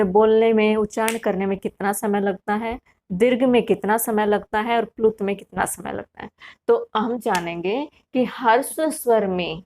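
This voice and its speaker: A woman teaching a grammar lesson for exam prep. She asks questions and answers them herself, and she repeats key terms slowly and sounds them out. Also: medium pitch.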